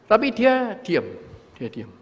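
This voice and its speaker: A middle-aged Indonesian pastor preaches a sermon in a church hall, telling a story about himself, acting out his own outbursts, and often calling his listeners "saudaraku". His high voice is very animated but slow. The recording has a long hall reverb.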